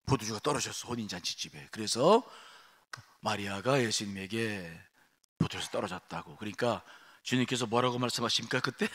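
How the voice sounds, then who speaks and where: A man preaching a sermon as senior pastor at an early-morning prayer service. He talks emphatically, swings from quiet asides to shouting, and asks the congregation rhetorical questions. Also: fairly low pitch, fairly quick.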